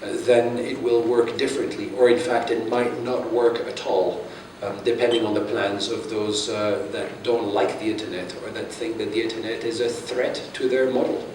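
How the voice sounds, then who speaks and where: A man's voice: fairly low pitch, fairly even intonation, normal speed, hardly any pauses, a little mellow, a little hiss or hum. A man giving a conference talk and taking audience questions, chatty and self-deprecating, with many restarts. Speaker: conference speaker. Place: conference hall. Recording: echoey hall from far off.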